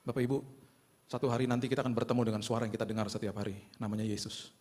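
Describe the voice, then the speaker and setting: Fast-talking, animated pastor. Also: male voice, medium pitch. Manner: animated and conversational, mixing in English phrases. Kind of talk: sermon with personal storytelling.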